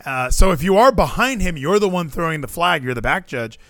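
A man's voice: fairly high pitch, lively intonation, fairly quick, fairly bright tone, no echo. A man co-hosting a podcast, chatting casually and animatedly about a football game, with a lot of fillers and swearing. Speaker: podcast co-host. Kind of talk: casual sports chat.

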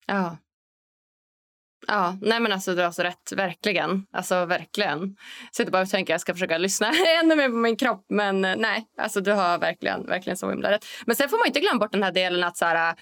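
A woman podcast host talking in a relaxed, chatty way. Her voice sits at an ordinary middle pitch, and she keeps the talk lively, often slipping into other people's voices to tell a story. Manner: lively, acts out others' lines in a raised voice. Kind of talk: casual podcast conversation.

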